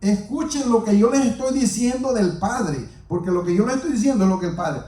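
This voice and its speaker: High-voiced preacher in an echoey room. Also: male voice, animated, brisk, dark tone. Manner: earnest, repetitive, addresses the congregation directly. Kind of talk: sermon. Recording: roomy echo, mic far off.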